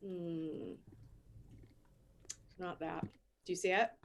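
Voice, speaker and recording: On a casual podcast, this co-host reads a news story out loud and goes on a playful rant, laughing often. Her voice is lowish, with fairly even intonation, a slow pace, and vocal fry.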